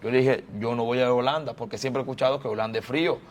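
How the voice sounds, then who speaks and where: In a church interview, a Dominican prophet and pastor recounts his life story, talking fast in a steady, mid-range voice. His delivery is fervent, with preacher-style repeated phrases.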